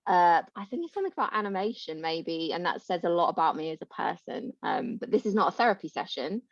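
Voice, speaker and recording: A woman guest on a podcast, chatting in a bubbly, animated, self-mocking way. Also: lowish voice, fast. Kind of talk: casual podcast chat. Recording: dull, slightly lo-fi dry sound.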